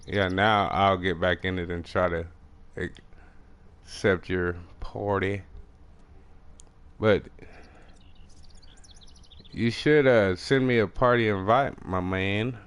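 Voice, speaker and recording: A young man with a country Texas accent who talks fast and mumbles, casually commenting on a fishing game he is playing. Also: low voice, steady tone, clean tone. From Texas, USA. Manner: fast mumbling talk with restarts. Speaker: gaming streamer.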